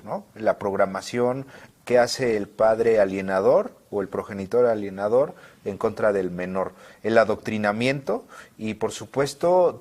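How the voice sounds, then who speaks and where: A man's voice: lowish voice, a little mellow. A man hosting a talk show, adding formal, summarizing remarks.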